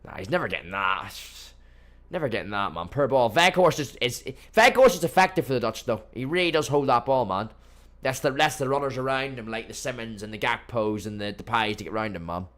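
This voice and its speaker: A man's voice: medium pitch, fairly quick. A young man hosting a live football watchalong from his home streaming room, chatting to viewers and reacting to the match. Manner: chatty, addresses chat as boys and mate, bursts into excited match reactions. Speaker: livestream watchalong host.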